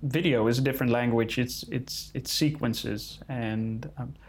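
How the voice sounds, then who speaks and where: A man's voice: mid-range voice, steady tone, a little slow, a little hiss or hum. A man who is not a native English speaker, answering interview questions in careful English and searching for words. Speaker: conservation photographer being interviewed.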